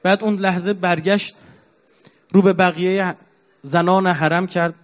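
A man preaching a mourning sermon, telling a sad story as a grieving storyteller who chants verses slowly. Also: high voice, fairly even intonation. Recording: dull lo-fi recording.

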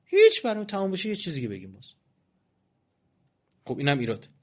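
Male preacher, colloquial and animated with mocking asides, slightly high voice, muffled lo-fi recording. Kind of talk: religious sermon. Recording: dull lo-fi recording.

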